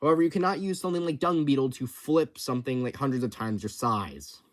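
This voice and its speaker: A man's voice: mid-range voice, expressive, fast talker. A young man casually explaining contest rules, stammering often with many restarts and fillers. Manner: impulsive, enthusiastic. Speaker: channel host announcing a creature-design contest. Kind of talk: casual unscripted rules rundown.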